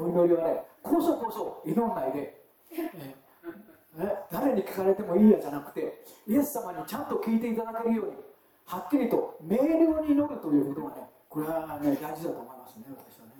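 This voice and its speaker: Here a pastor with a high-pitched, dark-toned voice preaches conversationally in a church sanctuary, regularly putting questions to the congregation. He is far from the mic, and the hall is very echoey.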